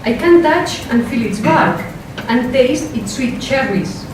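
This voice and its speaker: This academic workshop talk comes from a philosopher with a strong Spanish accent whose slightly high voice has lively intonation. She's measured and careful, using hesitant fillers off script, recorded from a distance in a very echoey lecture hall with clear noise.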